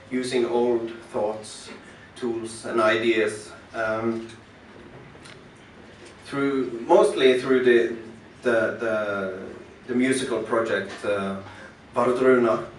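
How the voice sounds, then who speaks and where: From a concert club stage, a Norwegian-accented man from western Norway speaks unscripted to the audience about his work, deliberate and thoughtful with many pauses and restarts. He has a mid-range voice. The stage mic comes through the house speakers, recorded from afar in the roomy venue with faint surrounding noise.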